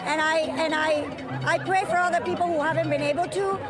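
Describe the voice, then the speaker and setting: Woman in street interview, proud and excited, very high voice, loud crowd and music. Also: brisk. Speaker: interviewee at a rally.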